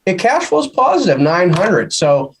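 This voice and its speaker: A man's voice: high voice, sing-song, measured pace, slight background noise. A man with a somewhat raised voice plays a board game over an online call. He talks through his numbers in a loose, chatty way, with silly slang. Keyboard typing sounds are heard in the background. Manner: chatty, goofy slang while reasoning. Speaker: player. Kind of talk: casual game talk.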